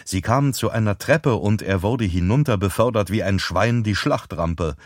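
A man narrates a gripping thriller audiobook in a steady, measured way. His voice sits low, and the recording is dry and close, with no room sound. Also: dry recording. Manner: tense, measured storytelling.

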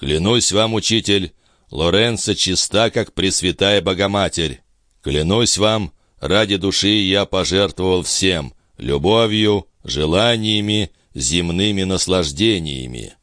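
A man voicing a loyal, humble male disciple who speaks in a low, subdued, respectful tone. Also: a little slow, fairly bright tone, dry recording, clean studio sound. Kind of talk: audiobook character voice.

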